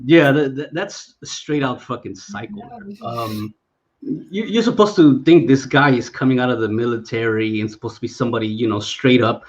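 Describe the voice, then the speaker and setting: A man's voice: mid-range voice, normal speed, highs cut off, slight background noise. A man in casual chat, swearing heavily and laughing often while telling army stories. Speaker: veteran discussion guest.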